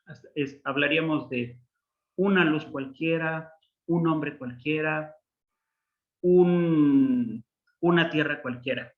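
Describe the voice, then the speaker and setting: Slow-speaking man teaching Hebrew grammar. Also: a little high, phone-quality sound. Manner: slow, patient explaining with examples. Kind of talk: online language class.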